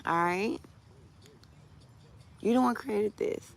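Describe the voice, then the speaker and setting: A woman giving a casual, animated tarot reading outdoors by the water into a phone camera, swinging between hushed and loud. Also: mid-range voice, slow, creaky. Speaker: tarot reader. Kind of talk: casual emotional tarot vlog.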